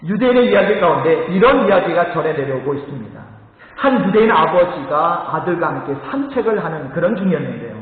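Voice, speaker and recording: A male pastor preaches a Sunday sermon in a church, telling stories and addressing the congregation directly. His voice is high and swings widely. It rings through a long hall reverb with a tinny, phone-like tone. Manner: animated storytelling, calls to the congregation. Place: church sanctuary. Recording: echoey hall, thin phone-like sound.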